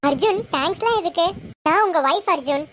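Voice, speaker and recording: A young woman voicing a devoted wife in a homemade serial, speaking gently and pleadingly. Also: extremely high pitch, animated, a little fast, slight background noise.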